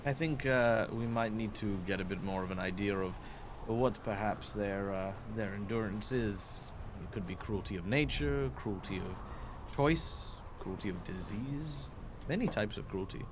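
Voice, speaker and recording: A man chats through his moves in a tabletop game. His voice is a bit low and he hesitates and repeats words. Clear noise is behind him. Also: a little slow. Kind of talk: casual in-game discussion.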